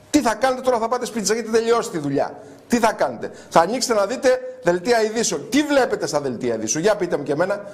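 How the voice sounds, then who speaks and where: A male TV host making a prank call and launching into loud, indignant, mocking rants. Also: on the high side. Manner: mocking, theatrical. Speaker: TV show host. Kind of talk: on-air prank call and ranting commentary.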